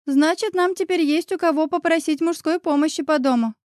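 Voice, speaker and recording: A woman reading an audiobook voices the heroine's friend, a young pregnant woman who is lively and emotional, pitching her voice up for her. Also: no echo, studio quality, lightly acted. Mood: excited teasing. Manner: lively, quick mood swings between tears and laughter.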